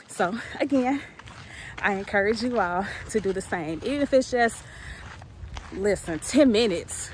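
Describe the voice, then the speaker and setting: Out of breath as she walks outdoors, a woman cheers her viewers on in a laid-back vlog, sprinkling in "right?" and "y'all." Her voice is mid-range, there's background noise, and a companion films on a phone camera.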